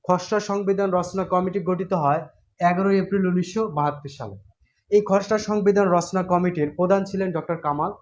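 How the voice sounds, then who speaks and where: A male teacher runs an online exam-prep class. His voice sits slightly high for a man. He talks casually, repeats key points and keeps asking his students whether they follow. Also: darkish tone. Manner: repetitive, checks in with students often.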